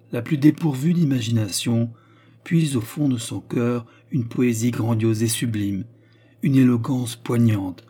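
A male narrator reads a classic novel aloud in a measured, even way. His voice is dark and mellow, with a husky edge. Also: mid-range voice. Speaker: audiobook narrator. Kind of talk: scripted literary narration.

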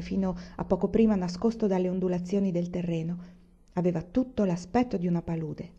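A woman reading a novel aloud in a measured, even narration. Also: on the low side, muffled recording. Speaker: audiobook reader.

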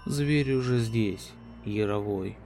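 A man voicing a gloating, menacing alien beast in a human body, slow, ominous and taunting, in a sci-fi horror audio drama. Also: lowish voice, darkish tone, faint music behind.

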